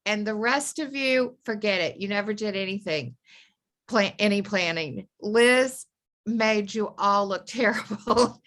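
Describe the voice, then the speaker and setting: A woman's voice: mid-range voice, unhurried, a bit bright. A woman sharing a tribute with an anecdote on a video call, telling it with fond, laughing asides. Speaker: friend and colleague giving a tribute. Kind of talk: remembrance storytelling.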